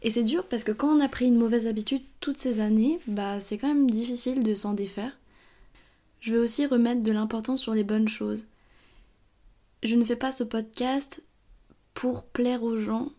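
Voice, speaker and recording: A young woman hosting her own podcast, talking through her thoughts in a tired, halting way with many fillers and restarts. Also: a little high, fairly even intonation, warm tone. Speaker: podcast host. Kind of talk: casual personal monologue.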